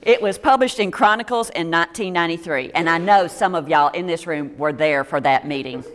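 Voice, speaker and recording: A woman with a drawl reads a local history talk aloud to a roomful of listeners, working through names and dates at an even clip with the odd stumble and a dry aside. Her voice sits a little low. The sound carries a long, echoing reverb from the hall. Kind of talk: public history talk reading from notes. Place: meeting room with a live audience.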